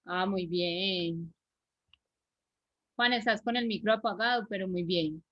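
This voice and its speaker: A woman's voice: medium pitch, slow pace. A woman drawing teacher with an Antioquian Colombian accent, explaining step by step in an online class and checking in often with her students. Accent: Colombian Spanish, Antioquia. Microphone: video call. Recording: muffled video-call audio.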